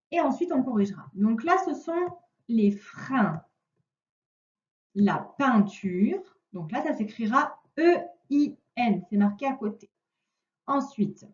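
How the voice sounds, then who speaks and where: A woman teacher giving a recorded reading lesson, speaking clearly and patiently to a single child. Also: a little high, darkish tone. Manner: slow, clear, patient instruction addressed to one child. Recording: echoey distant lo-fi room recording.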